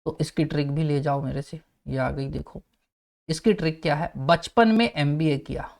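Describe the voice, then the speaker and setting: Gravelly-voiced male coaching teacher. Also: fairly high pitch, darkish tone. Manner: coaxing, repeats check-ins and mnemonic tricks to students; rapid fact listing in a raised voice. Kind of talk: online exam-prep lecture.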